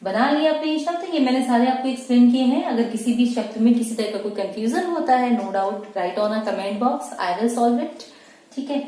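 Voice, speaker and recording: A woman, a shorthand teacher, giving a slow, deliberate lesson and repeating words syllable by syllable. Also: fairly high pitch, mellow. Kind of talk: slow dictation-style lesson. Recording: echoey room, far from mic, faint noise.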